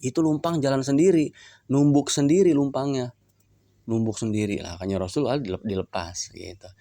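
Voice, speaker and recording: A man's voice: medium pitch, moderate pace, mellow, dry recording. A man with a Sundanese accent teaching from a religious book, retelling it in folksy everyday talk. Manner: folksy, explains in plain talk. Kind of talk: kitab reading lesson. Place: shrine visit.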